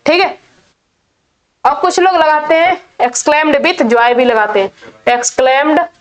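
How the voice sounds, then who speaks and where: A woman teaching an English grammar lesson in Hindi, patiently repeating each rule. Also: high-pitched. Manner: slow, patient, repeats key points.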